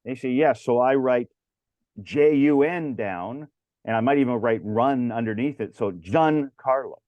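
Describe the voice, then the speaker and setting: An older man, an arena announcer telling stories in a relaxed interview, rambling with many filler uh's. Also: mid-range voice, unhurried, no room sound. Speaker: arena public address announcer, guest. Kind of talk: casual interview chat. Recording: dull, dry lo-fi recording.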